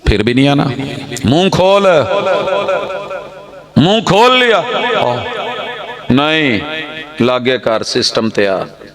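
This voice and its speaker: A man's voice: mid-range voice, big pitch swings, long pauses, crowd noise. A middle-aged man with a Punjabi accent preaching a sermon, rhetorical and switching between Urdu and Punjabi, sometimes chanting repeated phrases. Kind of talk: religious sermon. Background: audience in the hall.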